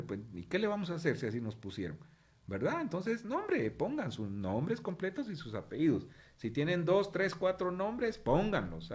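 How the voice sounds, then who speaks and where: A middle-aged man lecturing a university journalism class, talking casually and repeatedly checking in with tag questions and fillers. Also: on the high side.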